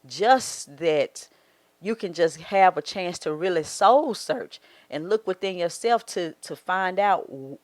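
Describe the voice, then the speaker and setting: A woman's voice: fairly low pitch, animated, takes it slowly, no room sound. Southern woman, 40s, marriage coach, earnest and advising, dry close mic. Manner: earnest, advising, acts out quoted thoughts. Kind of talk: casual faith-based podcast talk.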